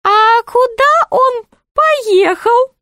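A woman's voice: very high-pitched, lively intonation, extremely slow, pushed and bright, no echo, studio quality, pitched above the performer's own voice, heavily acted. A woman doing a sly wheedling jester. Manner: sweet-voiced, sly and wheedling. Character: sly, greedy male court jester.

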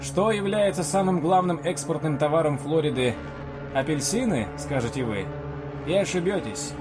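A man's voice: a little high, animated, normal speed, music in the background, pitched above the performer's own voice. A male narrator voicing a radio announcer posing a teasing quiz question, heard faintly as if from a distant radio. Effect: faint distant radio broadcast. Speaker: audiobook narrator.

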